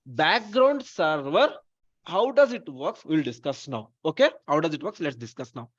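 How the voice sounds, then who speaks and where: A man's voice: fairly high pitch, big pitch swings, moderate pace, dull audio. A man with a Telugu accent teaching an informal live class, repeating his phrases and asking questions that he then answers himself. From Telugu-speaking region of India. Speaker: data science instructor.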